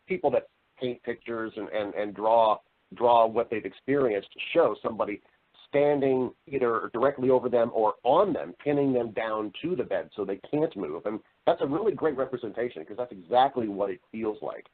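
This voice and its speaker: Speaking at a normal speed in a lowish voice, a middle-aged American man tells personal stories as an interview guest on a podcast. A voice-over artist and storyteller, he's earnest and emphatic, often repeating phrases, and the audio is narrow-band and radio-like, like a call.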